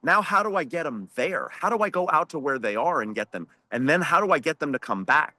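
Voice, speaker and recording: A man's voice: a little high, expressive, brisk, sharp tone, dry recording. A man speaking on a video-call webinar panel as a franchise owner, emphatic and preachy, firing off rhetorical questions.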